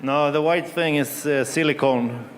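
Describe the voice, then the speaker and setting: A man's voice: fairly high pitch, unhurried. Man, short modest answers. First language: Swedish. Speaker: culinary team coach. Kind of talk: interview answers. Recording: reverberant arena hall.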